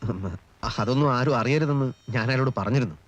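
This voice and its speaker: An actor playing a confident young male lawyer who speaks calmly and with dry, gentle sarcasm. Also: mid-range voice, lo-fi sound, lightly acted. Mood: amused. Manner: calm, measured, gently sarcastic. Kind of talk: film acting.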